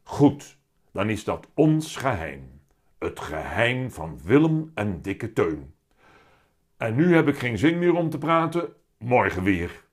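A man reading a children's story aloud and voicing a big, calm, stubborn talking tomcat with a heavy, deep voice, loud and deliberate. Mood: secretive.

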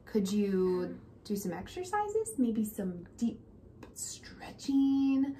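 Speaking very slowly and very animatedly, a woman in her thirties leads a casual lesson for young kids, cheering them on and asking prompting questions. Her mid-range voice has a warm tone. She's recorded in a small room at home, with noisy room sound around her.

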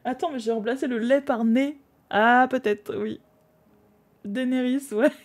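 A woman's voice: sits high, fairly even intonation, unhurried. Chatty young French-speaking woman streamer. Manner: chatty, laughs often, mutters to herself while drawing. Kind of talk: casual live-stream chat while drawing.

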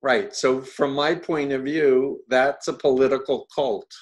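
A man's voice: mid-range voice, steady tone, a little slow, lo-fi sound. Male interview host, mid-range voice, earnest, stumbles over repeated words. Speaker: host and cult expert. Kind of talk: conversational interview.

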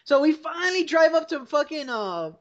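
High-voiced young woman rambling over a dull call. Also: very animated, normal speed. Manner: rambling, profane storytelling with frequent laughs. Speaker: podcast host. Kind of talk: casual chat over a voice call. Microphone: voice call headset or computer mic.

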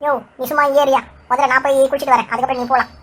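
A woman's voice: sits high, fairly even intonation, rapid-fire, fairly bright tone, slightly rough. A woman voicing a sarcastic, bossy older woman in a cartoon. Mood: mocking. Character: sharp-tongued older woman, mocking in-law. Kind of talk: cartoon voice acting.

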